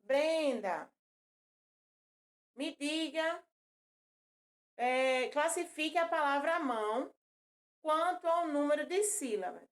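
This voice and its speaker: Slow, patient high-voiced woman teacher. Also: animated. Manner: slow, patient, repeats words and counts syllables aloud. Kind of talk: recorded classroom lesson for children.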